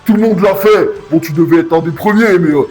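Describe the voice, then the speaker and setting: A man with a high-pitched voice delivers a casual video review. He rants bluntly in crude slang, talking straight at his viewers, with music behind him. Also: a little fast, darkish tone, rough recording. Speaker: YouTube anime reviewer. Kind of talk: casual review commentary rant.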